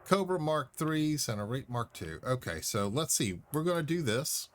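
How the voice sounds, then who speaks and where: A man's voice: mid-range voice, big pitch swings, normal speed. A man streaming a space game, chatting casually and talking back to the game. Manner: rambling, talks back to the game. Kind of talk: casual chat while playing.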